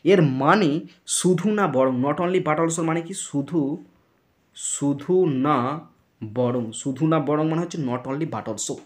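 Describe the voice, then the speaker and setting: A man's voice: fairly high pitch, slow pace. A man teaching an English grammar lesson, explaining step by step, spelling words out letter by letter and checking if students follow. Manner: checks understanding with repeated questions.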